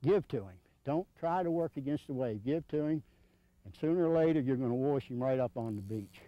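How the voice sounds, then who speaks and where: This fiftysomething man instructs people in surf fishing on a sandy beach, speaking in a homespun, no-frills style and repeating himself as he demonstrates. His medium-pitched voice has lively intonation and runs a little fast, with no echo. It's captured on a dull old video recording.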